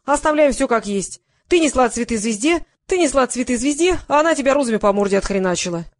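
A woman voicing a brash young female TV producer who barks loud, rapid orders. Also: sits high, expressive, no room sound, clean studio sound, voice pushed up. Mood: bossy.

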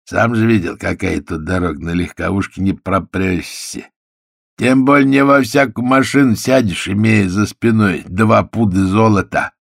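A man voicing a swaggering male criminal who talks in a hoarse, offhand, slangy drawl. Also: fairly low pitch, moderate pace, dry recording, clean studio sound. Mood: mocking.

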